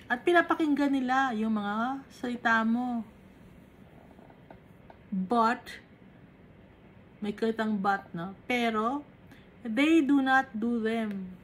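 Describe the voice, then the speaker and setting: Woman preacher, Bible study sermon, slow and emphatic, fairly high voice, faint background hiss. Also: rough recording. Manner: reads verses in English, explains in Taglish; slow, emphatic, rises sharply on key contrasts. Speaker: Bible teacher.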